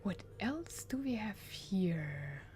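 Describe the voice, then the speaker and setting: A woman's voice: mid-range voice, big pitch swings, takes it slowly, darkish tone, faint music behind. A woman giving casual let's play commentary, musing and thinking aloud as she goes.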